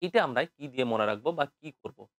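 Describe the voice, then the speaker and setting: A young man teaching an online exam-prep biology lecture, quizzing and answering his own questions in a lively, repetitive way. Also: medium pitch, a little fast, dry recording, clean studio sound. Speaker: biology tutor.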